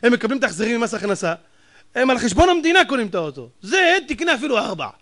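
Speaking as a rabbi giving a sermon, a man delivers emphatic, mocking lines packed with rhetorical questions. He is very animated, lurching between loud outbursts and low, muttered asides.

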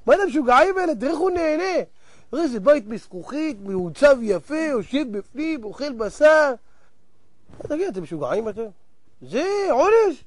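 An excitable male tourist, nosy and incredulous, as a preacher puts him on. He exclaims in a very high voice. The sound is close and dry, with no room around it. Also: no echo.

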